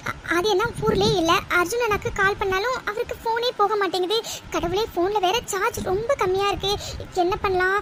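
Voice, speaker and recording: A woman's voice: extremely high pitch, steady tone, a little fast. A woman doing a frightened, pleading young woman. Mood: anxious. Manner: pleading, worried. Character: anxious young woman, stranded hospital worker. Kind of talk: cartoon voice acting.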